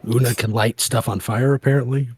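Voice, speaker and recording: A man's voice: mid-range voice, steady tone, fairly quick, a little mellow, slightly rough. A man playing in a tabletop game, talking in a matter-of-fact way. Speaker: player. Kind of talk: casual tabletop role-play.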